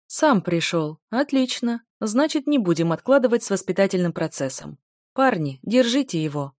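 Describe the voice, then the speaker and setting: A woman reading an audiobook voices an arrogant young male aristocrat bully who sneers, mocks and barks orders loudly. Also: medium pitch, expressive, normal speed, no room sound, clean studio sound, close to an everyday voice. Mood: mocking. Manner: mocking, loud and commanding.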